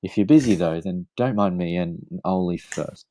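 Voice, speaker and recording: A man voicing a meek young schoolgirl who loves books, speaking softly and hesitantly. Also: deep voice, moderate pace, lightly acted. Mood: shy, apologetic.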